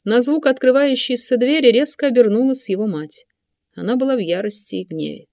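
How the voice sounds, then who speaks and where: A woman reading a novel aloud as narrator, voicing the characters' dialogue with raised pitch and volume. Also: brisk, darkish tone, dry recording, studio quality. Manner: lifts pitch and volume for quoted speech, drops low for narration tags. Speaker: audiobook narrator. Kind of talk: scripted narration with voiced dialogue.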